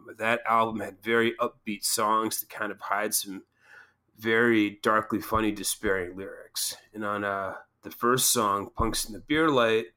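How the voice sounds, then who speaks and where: A man's voice: on the low side, steady tone, measured pace, pushed and bright. A man co-hosting a podcast, speaking in an earnest, heartfelt way. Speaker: podcast co-host. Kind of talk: casual podcast chat.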